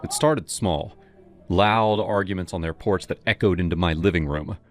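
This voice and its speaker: A man narrating a horror story in the first person, in a dramatic, expressive way. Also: deep voice, moderate pace, faint music behind.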